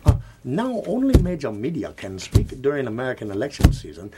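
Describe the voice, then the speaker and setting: A man's voice: fairly high pitch, huge pitch swings, normal speed, heavy background noise. A man playing a scheming, gloating communist spymaster with a put-on foreign accent in a comedy sketch.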